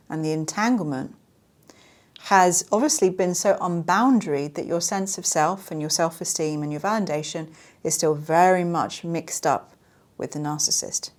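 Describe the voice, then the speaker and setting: A woman with a somewhat low voice hosts a solo podcast monologue. She speaks earnestly and emphatically, often repeating a line to drive it home. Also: darkish tone. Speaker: podcast host.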